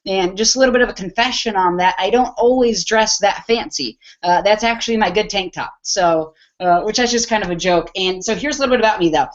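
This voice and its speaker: A man in his twenties, an internet marketer giving an eager sales pitch on a webinar, often restarting his phrases. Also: brisk, hardly any pauses, highs cut off. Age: 20s.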